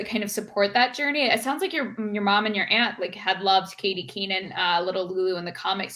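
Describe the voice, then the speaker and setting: A young woman co-hosts an interview over a video call. Her voice sits bright and forward. She reacts in short bursts and then asks longer follow-up questions. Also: medium pitch. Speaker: co-host. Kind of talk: casual interview. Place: home room on video call.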